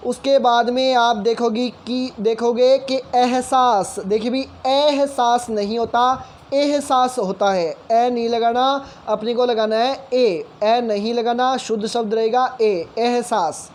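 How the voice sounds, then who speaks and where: A man's voice: very high voice, steady tone, a little slow, few pauses, darkish tone. A man teaching correct spellings to students, patiently repeating each point and addressing them as brother. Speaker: shorthand teacher. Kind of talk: spelling lesson.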